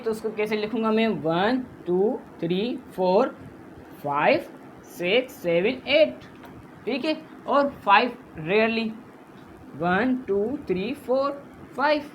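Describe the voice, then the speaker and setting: A man's voice: high voice, fairly bright tone, a little hiss or hum. A man teaching a math lesson, patiently explaining steps, counting aloud and mixing in English terms. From Pakistan.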